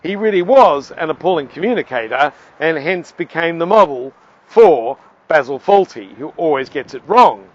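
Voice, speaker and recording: A man giving a playful, lively piece to camera outdoors by the seaside as a communications trainer, with a few hesitant fillers. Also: fairly high pitch, moderate pace, muffled recording.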